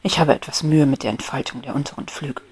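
A woman plays a fussy old-fashioned beetle gentleman in whispered role-play, stiffly formal and prone to indignant grumbling. The breathy, husky voice is pushed a bit lower than her own. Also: fast, exaggerated voice. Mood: courteous. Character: prim, fussy male rose beetle, polite yet grumpy.

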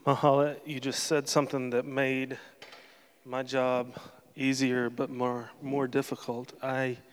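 A man's voice: mid-range voice, clean tone. A middle-aged man speaking at a church service, closing it with an earnest, emotional, personal talk. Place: church sanctuary. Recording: long hall reverb in a sanctuary.

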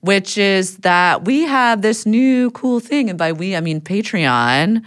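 A woman's voice: mid-range voice, animated, slow. A woman co-hosting a podcast, chatting casually and jokingly through an ad read, giggly and teasing. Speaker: podcast co-host.

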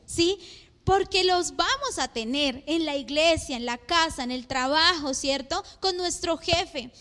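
A woman's voice: extremely high pitch, a bit bright. A woman in her thirties preaching a sermon, full of rhetorical questions to the congregation. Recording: long hall reverb.

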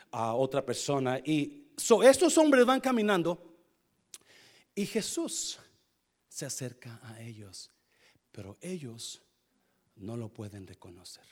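Pastor guy preaching, high voice, swings all over, mixes in english, keeps asking the crowd stuff. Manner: animated storytelling, switching between Spanish and English; asks the congregation questions. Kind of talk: sermon with personal story.

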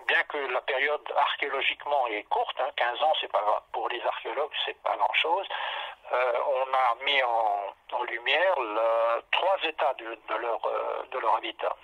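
A man explaining his research in an unscripted interview, haltingly, often searching for words and rephrasing as he goes. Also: medium pitch, highs cut off.

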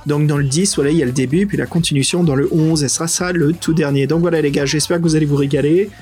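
A man with a French accent co-hosting a podcast in casual, excitable, slangy chat. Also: fairly high pitch, fast, soft background music. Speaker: podcast co-host.

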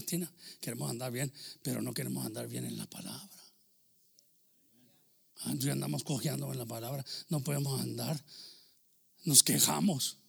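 A man's voice: mid-range voice, creaky, fairly bright tone, husky. A man preaching a chatty, informal sermon, telling stories and asking the congregation questions, now and then slipping into English phrases.

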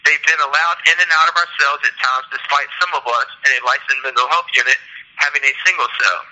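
A man's voice: mid-range voice, steady tone, fast talker, sharp tone. A man calling from prison on a prison phone line, talking earnestly and reading out an essay he wrote. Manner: earnest, reads out his own written essay. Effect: speaking over a prison phone line. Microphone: prison telephone.

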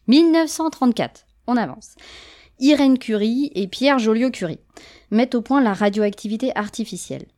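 Brief: woman, mellow warm voice, witty science talk presenter. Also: fairly high pitch, lively intonation, moderate pace. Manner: playful, jokey asides to the audience. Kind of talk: humorous popular science talk.

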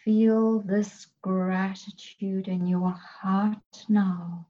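A woman guiding a healing meditation in a soft, soothing voice, sometimes whispering her breath cues. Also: mid-range voice, steady tone, extremely slow, muffled recording. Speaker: meditation guide.

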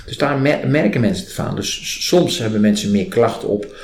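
Being interviewed as a trainer in a body-based stress release method, a man walks through how he works, acting out example questions and what clients say. His medium-pitched voice has lively intonation, a little mellow, and runs a bit fast. The recording carries a roomy echo and clear background noise.

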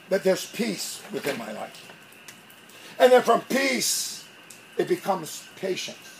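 A male pastor preaches with lively, theatrical energy, slipping into little acted-out scenes. His voice sits high for a man, and a faint hum of noise sits under the recording. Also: poor audio. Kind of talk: sermon.

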